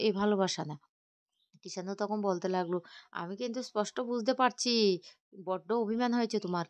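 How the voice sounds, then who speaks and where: Fast-talking woman retelling a serial. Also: medium pitch, darkish tone, no room sound, highs cut off. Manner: rapid, run-on narration with frequent fillers and restarts. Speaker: narrator retelling a TV serial episode. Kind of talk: fast spoken plot retelling with quoted dialogue.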